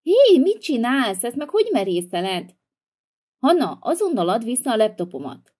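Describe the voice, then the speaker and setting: A sulky, hot-tempered young boy, voiced by a woman for a toy-figure video. He whines and talks back in a mellow voice that leaps up and down in pitch. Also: very animated. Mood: defiant. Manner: whiny and defiant.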